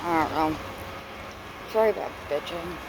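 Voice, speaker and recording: A woman venting in a casual monologue, halting and repetitive, with informal, sweary phrasing. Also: low voice. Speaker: vlogger. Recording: clear steady vehicle-like background noise.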